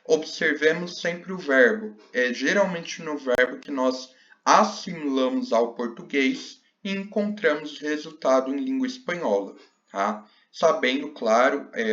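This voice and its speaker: A man teaching a slide lesson, talking slowly with many fillers and checking questions. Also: medium pitch, a bit bright, lo-fi sound. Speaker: Spanish teacher.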